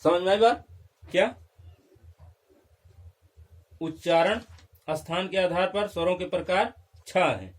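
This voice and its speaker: A man's voice: high-pitched, takes it slowly, pauses often. A young man teaching a Hindi grammar lesson, repeating key terms and checking in with his class.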